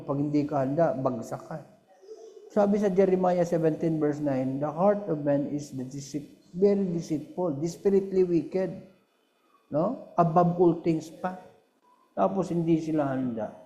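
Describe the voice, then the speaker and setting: A man's voice: a little high, warm tone. An older man with a Filipino accent, a missionary preacher giving a short earnest devotion, switching often between Tagalog and English.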